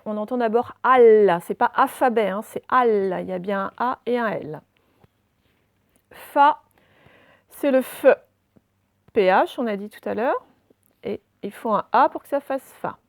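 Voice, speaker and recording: Teacher lady, kinda high voice, going slow letter by letter, dry close sound. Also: no room sound. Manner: slow, spelling out words letter by letter. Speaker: primary school teacher. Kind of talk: dictation lesson.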